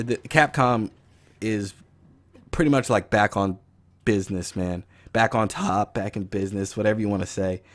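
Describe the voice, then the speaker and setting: A man with a raspy voice from a cold, giving a casual, rambling video game review as the host of his channel. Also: mid-range voice. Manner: rambling, loose, with fillers and profanity.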